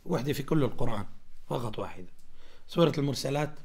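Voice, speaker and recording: Man, Quran teacher, recitation lesson, repetitive teaching manner, slows to demonstrate examples. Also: medium pitch, animated, gravelly, darkish tone, breathy edge. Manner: repeats phrases, often says "barakallahu fikum", slows down to demonstrate recitation. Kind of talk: religious lesson explaining recitation rules.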